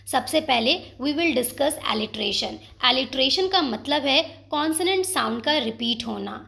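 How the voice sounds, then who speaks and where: High gravelly-voiced woman teaching literature. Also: bright, forceful tone. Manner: reads poem lines slowly and deliberately. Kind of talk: explanatory lesson mixing Hindi and English.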